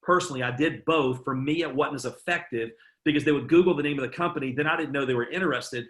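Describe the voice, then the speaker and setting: A man's voice: medium pitch, quick pace, a bit bright, roomy sound. A man leading a sales training session, enthusiastic and punchy, with playful jokes. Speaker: network marketing trainer. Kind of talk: energetic training talk.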